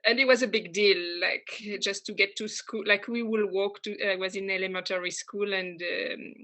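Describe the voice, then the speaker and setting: A woman in her thirties from France with a French accent, speaking English as an interview guest, often pausing on fillers and restarting her sentences. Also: medium pitch, steady tone. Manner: hesitant, many fillers and restarts, warm laughs. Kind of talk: casual conversational interview.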